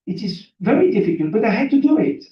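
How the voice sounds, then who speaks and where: Speaking extremely high and fast with big pitch swings, this seminar guest speaker, born in Burundi and from Belgium, shares his life story as motivation. He's a native French speaker with a French accent who uses simple English, repeats phrases for emphasis and puts questions to the audience. A distant mic in a very echoey room leaves the sound muffled.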